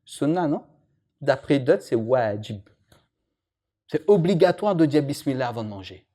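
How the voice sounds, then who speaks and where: A man gives a relaxed religious lesson. His voice swings widely in pitch, and he often turns to question and tease the people listening. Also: a little slow. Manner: lively, jokes with and questions the audience. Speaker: imam teaching a religious lesson.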